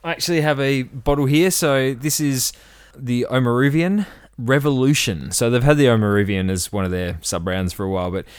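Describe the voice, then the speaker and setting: Man, podcast co-host, easygoing, punning, mid pitch, dry close sound. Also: steady tone, brisk, hardly any pauses, smooth, dry recording. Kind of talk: casual chat.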